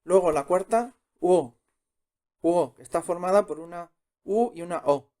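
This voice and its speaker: Speaking slowly and patiently, a male Korean teacher walks through pronunciation one step at a time, saying every sound twice. His voice is high-pitched and mellow.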